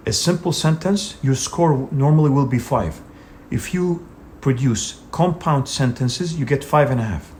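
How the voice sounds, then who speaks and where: His voice is a little high and a little mellow, with some hiss or hum in the background. He's teaching an English speaking exam lesson in a video, direct and emphatic in his coaching, and "you know" crops up frequently.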